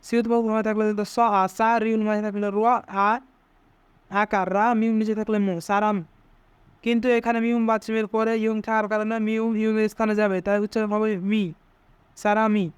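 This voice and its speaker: High, smooth-voiced man teaching slowly. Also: flat delivery, dry recording. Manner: breaks words into single sounds and repeats them. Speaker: language teacher. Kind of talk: slow step-by-step pronunciation lesson.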